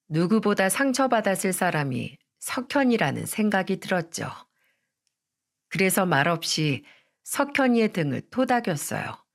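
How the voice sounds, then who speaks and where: A woman in her sixties from Jeju, calmly narrating a scripted first-person story. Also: fairly low pitch. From Jeju, Korea.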